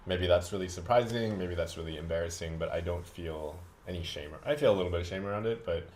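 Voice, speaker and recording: A man chatting casually and unscripted for a vlog, rambling and halting, with self-deprecating asides. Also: low-pitched, a little mellow, slight background noise. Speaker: vlogger.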